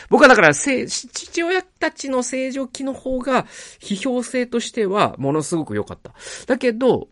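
A man hosting a podcast, talking casually about acting in films, animated and rambling, often breaking off and restarting his sentences. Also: high-pitched, no echo, clean studio sound. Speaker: podcast host.

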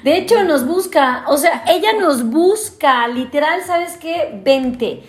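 A woman with a Mexican accent hosting a live chat show, gushing and effusive, quick to laugh. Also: high-pitched, lively intonation. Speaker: host.

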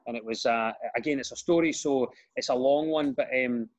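A Glaswegian comedian from Scotland, a man in his thirties, chats casually as a guest, telling self-deprecating stories. His voice is mid-range and he speaks at a normal speed.

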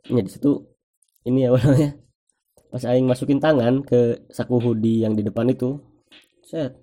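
A man's voice: medium pitch, moderate pace. A young man with a Sundanese accent, telling a personal anecdote in slangy, casual speech full of swearing. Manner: slangy, swears freely, animated retelling.

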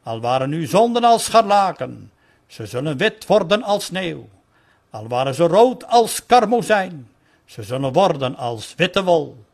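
A man reading a sermon aloud in an earnest, pleading way, slowing down for quoted calls. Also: on the high side, very animated, vocal fry, darkish tone.

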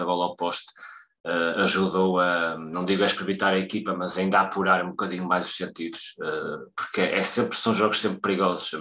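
A man with a Portuguese accent talks through a football match on a podcast panel. His voice sits very low, yet its tone is bright and forceful. He thinks aloud in halting phrases, often restarting a sentence. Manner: halting, reflective, frequent restarts. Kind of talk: casual podcast football analysis.

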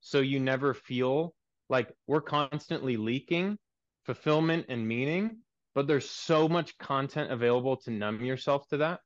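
A man's voice: medium pitch, unhurried, no echo. Twenties guy pastor, earnest preachy talk, kinda muffled dull audio. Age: 20s. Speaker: pastor and guest. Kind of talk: podcast interview. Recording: dull, dry lo-fi sound.

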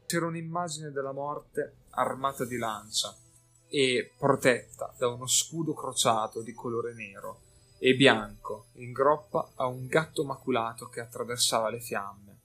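A man reading a story aloud in a steady, measured way, with faint music behind. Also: mid-range voice. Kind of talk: audiobook narration.

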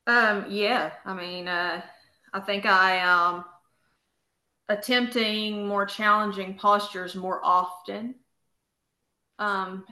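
Appalachian woman guesting on a podcast, slow and halting, bright voice in an echoey room. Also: mid-range voice. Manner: hesitant, hedging, many fillers. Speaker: podcast guest, yoga teacher. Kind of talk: casual podcast chat.

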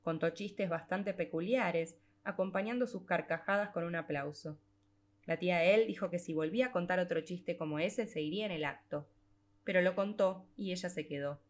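Her pitch fairly low, a woman reads a literary short story aloud in audiobook style. The delivery is a measured kind of storytelling with phrases drawn out.

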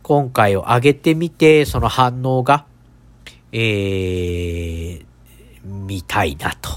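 A man's voice: lowish voice, fairly even intonation, slow pace, no room sound. A man hosting a casual solo podcast in a stuffed-up, nasal voice, talking in a hesitant, rambling, apologetic way. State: congested nose. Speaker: podcast host.

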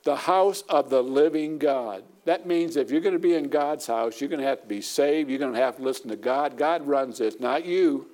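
A man's voice: medium pitch, normal speed, hardly any pauses, a little mellow. A middle-aged man preaching a sermon as pastor, emphatic and repeating his points for weight.

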